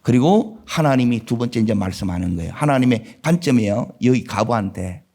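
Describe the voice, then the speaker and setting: In a church sanctuary, a male pastor with a Gyeongsang Korean accent delivers a sermon, asking the congregation questions. He's expressive and fairly quick, swinging between loud, emphatic lines and low, murmured asides.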